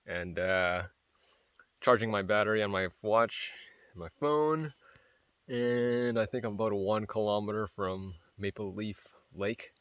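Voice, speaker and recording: A man's voice: fairly low pitch, measured pace, fairly bright tone, clean tone, no room sound. A tired, sore man talking casually to his camera on a forest hiking trail, rambling with fillers and swearing. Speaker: vlogger on a solo hike. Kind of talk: casual hiking vlog narration.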